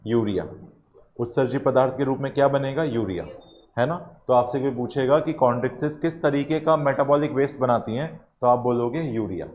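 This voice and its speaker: A man's voice: mid-range voice, moderate pace, a little hiss or hum. A man teaching a biology class, drilling points through repetition and frequent check-ins with students. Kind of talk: classroom lecture. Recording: slightly dull audio, faint room ambience.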